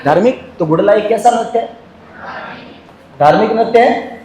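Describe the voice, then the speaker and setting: Guy teaching a class, high voice, jokes a lot, quizzes the room, echoey with a bit of hiss. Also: normal speed, warm tone. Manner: joking, asks the class questions and answers them. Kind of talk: lively classroom lecture.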